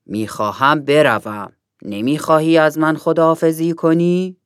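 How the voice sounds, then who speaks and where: A woman doing a big calm golden eagle, low and slow. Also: smooth, no room sound, studio quality, natural voice. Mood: gentle.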